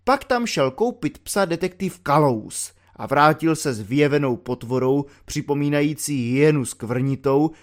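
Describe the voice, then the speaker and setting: A man narrating an audiobook in a measured storytelling way, slowing down for the dramatic lines. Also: a little high. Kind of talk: audiobook reading.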